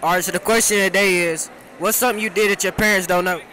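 Bright-voiced teenage boy asking questions. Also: high voice, fairly even intonation, racing, a little hiss or hum, poor audio. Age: teens. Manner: repeats the same question, laughs along. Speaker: interviewer. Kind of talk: casual street interview. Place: school cafeteria.

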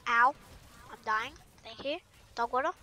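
High, bright playful female gamer. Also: measured pace, a little hiss or hum, poor audio. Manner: playful, sings and makes silly sound effects. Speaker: gaming channel host. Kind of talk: casual gameplay commentary.

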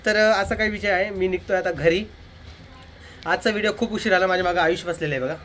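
A man's voice: sits high, fast talker, a bit bright, a little hiss or hum. Chatty man vlogging on a handheld camera. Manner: chatty, teasing, talks straight to viewers. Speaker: family vlogger. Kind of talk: casual vlog chat to camera.

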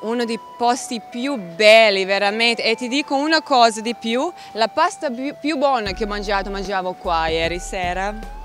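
Bright-voiced young Serbian-accented woman. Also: fairly high pitch, normal speed, soft background music. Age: young adult. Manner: non-native, slightly broken grammar. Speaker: model agency head and model. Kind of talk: casual on-the-street interview answers. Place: outdoor café street at night. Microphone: handheld interview microphone.

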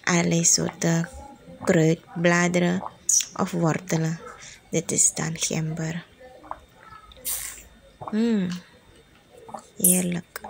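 Woman, talking with mouth full of food, gravelly, low voice, faint background noise. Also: little pitch movement. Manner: mixes Dutch with English, unhurried. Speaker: eating show vlogger. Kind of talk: casual eating-show chat.

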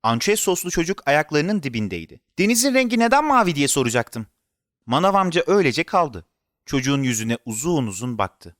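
A man narrating a children's story in an expressive, animated storytelling manner. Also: medium pitch, brisk, no echo, studio quality.

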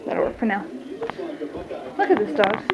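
In a mid-range, very animated voice at a moderate pace, a young vlogger films a casual tour of her house on a handheld phone at arm's length, wandering room to room with distracted asides. A loud crowd is audible, and the muffled phone audio carries handling noise.

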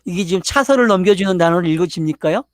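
A man's voice: high-pitched, rapid-fire, no echo, clean studio sound. An older man preaching a Bible lecture, constantly questioning his listeners and pressing his points emphatically. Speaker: pastor. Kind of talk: sermon lecture.

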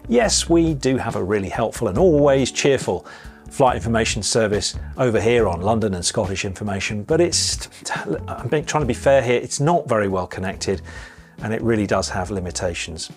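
A man delivers a pilot news briefing in a conversational, lightly wry tone, as if talking to fellow flyers. His voice sits at an ordinary middle pitch. A soft music bed runs faintly underneath. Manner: chatty, conversational, occasional wry asides. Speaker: aviation news presenter. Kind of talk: scripted news briefing with asides.

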